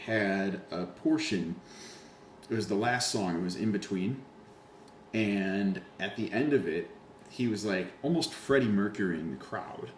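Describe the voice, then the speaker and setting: A man's voice: on the low side, a little slow, slight background noise. A man hosting a podcast, telling stories in casual chat, swearing freely and acting out what others said. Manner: animated storyteller, swears often, acts out quotes. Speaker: podcast host. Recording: echoey room, faint ambience.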